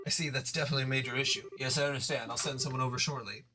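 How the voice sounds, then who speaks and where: A man's voice: medium pitch, fairly even intonation, racing, music in the background, natural voice. A man voicing a helpful guild receptionist from a video game in a polite, businesslike manner. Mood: polite, concerned. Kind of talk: reading game dialogue aloud in character.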